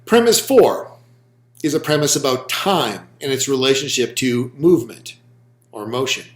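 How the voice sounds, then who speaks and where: A man giving a recorded philosophy lecture, speaking slowly and deliberately with frequent ums. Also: mid-range voice, lively intonation. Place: room with a whiteboard. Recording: roomy echo.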